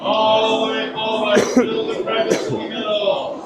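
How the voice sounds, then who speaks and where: A man's voice: high-pitched, monotone, unhurried. A man working as an attraction attendant, giving repetitive crowd-directing announcements. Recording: echoey hall, distant, loud music behind.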